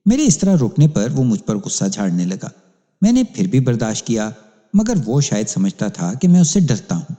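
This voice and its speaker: A man's voice: mid-range voice, wildly swooping pitch, mellow. A man narrating a crime story as a police inspector, in an emphatic, dramatic reading. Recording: long hall reverb.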